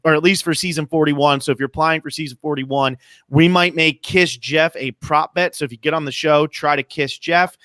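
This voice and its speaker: A man with a high-pitched voice hosting a casual, chatty TV recap podcast. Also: pushed and bright, no room sound. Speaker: podcast host.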